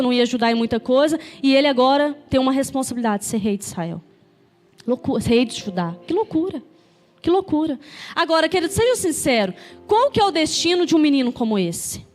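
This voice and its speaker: A Brazilian woman pastor preaching a sermon, telling a story vividly and calling the congregation to say amen. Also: high-pitched. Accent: Brazilian Portuguese. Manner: storytelling, calls for amens from the congregation.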